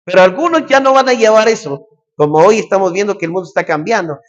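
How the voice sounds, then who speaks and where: Male pastor, high voice, emphatic repetitive preaching, muffled lo-fi sound. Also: lively intonation, fast talker. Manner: emphatic preaching, repeats phrases, shouts calls. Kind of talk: sermon.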